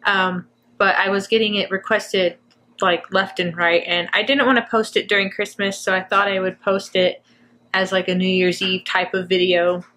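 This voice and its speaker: A woman's voice: medium pitch, flat delivery, moderate pace, bright, forceful tone. A woman hosting a music reaction video, talking casually and effusively, rambling with fillers and restarts. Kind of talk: casual reaction chat to camera.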